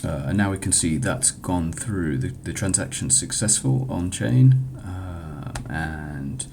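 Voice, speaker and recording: A man giving an informal software demo walkthrough as a developer, speaking in a hesitant, halting way with frequent stumbles. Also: expressive. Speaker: hackathon developer presenting own project. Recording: clear background noise with low rumble.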